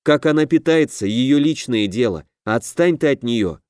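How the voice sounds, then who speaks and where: A man voicing a snappy, quick-tempered young woman adventurer in an audiobook. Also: medium pitch, clean tone, no echo, studio quality, lightly acted. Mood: feisty. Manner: snappy, lively.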